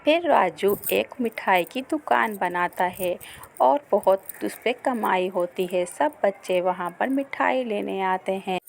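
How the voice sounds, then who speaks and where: A woman's voice: mid-range voice, expressive, slow, gravelly, slight background noise. A woman narrating a simple moral story for a cartoon, in plain storytelling.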